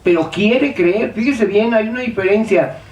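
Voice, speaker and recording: High-voiced preacher in an echoey hall. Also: male voice, moderate pace, a little mellow. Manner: rhetorical questions, acts out doubting listeners. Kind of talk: sermon. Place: church hall. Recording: echoey hall, speaker far from mic.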